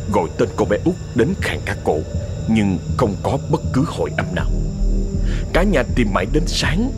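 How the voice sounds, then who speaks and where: Man narrating a horror story dramatically. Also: medium pitch.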